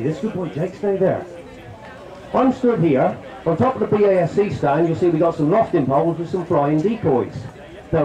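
A fairly high-voiced man talks straight to a crowd at an outdoor show, chatty and full of jokes. The sound is echoey and dull, like a public address at a fair. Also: mellow. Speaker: shooting demonstrator. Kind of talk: outdoor live demonstration talk. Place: outdoor country show, on a stand.

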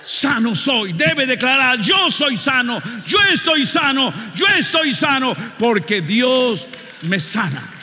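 A male preacher delivering a fervent sermon, pushing into shouted call-and-response and then dropping to low, earnest appeals. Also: very animated, slow, a faint crowd. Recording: long hall reverb with faint music.

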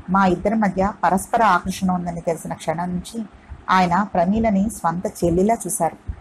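A woman's voice: medium pitch, a little mellow, a little hiss or hum, lightly acted, low-quality recording. A woman voicing an earnest, apologetic young man in a storybook reading.

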